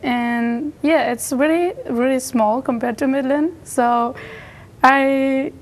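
A young woman from France speaks English with a French accent. Her voice sits fairly high, and she answers in a chatty, giggly way. She is recorded on a lapel mic in a small studio. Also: fairly even intonation, slow pace. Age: young adult. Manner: chatty, laughs often. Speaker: exchange student. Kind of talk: studio interview.

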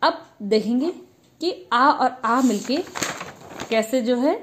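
A woman's voice: fairly high pitch, slow pace, slight background noise. A woman teacher giving a grammar lesson, patiently asking questions and answering them herself. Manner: addresses students as children.

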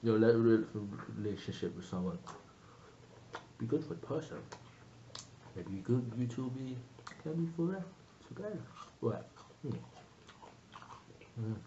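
A man hosting an eating show, talking while chewing in a halting, soft-spoken way with many hums and fillers. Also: mid-range voice, very animated. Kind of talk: casual chat to camera. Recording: dull lo-fi sound with faint hiss.

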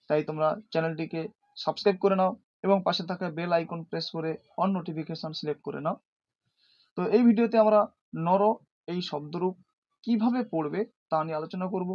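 A male teacher giving a recorded lesson, explaining slowly, asking and answering his own questions, and reciting word forms one by one with careful pronunciation. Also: high voice. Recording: dull lo-fi recording.

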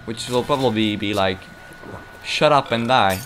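A lowish male voice, a little slow, belongs to a young man narrating his gameplay. His commentary is relaxed, meandering, and self-mocking, set against busy game audio.

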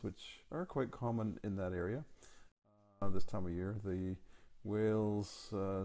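A man giving a casual, halting voice-over for his holiday photos, with many ums and uhs. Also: on the low side, warm tone. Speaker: travel vlog narrator.

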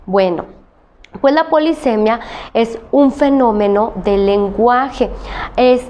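Woman teacher, high-pitched, unhurried, patient and repetitive. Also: dark tone. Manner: slow, patient, repeats key words. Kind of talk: classroom lesson to children.

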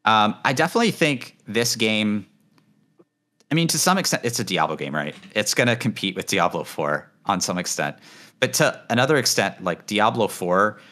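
Low-voiced man rambling in casual chat. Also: big pitch swings, normal speed. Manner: rambling, hedging with fillers, voice trails off quietly. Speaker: gaming channel host.

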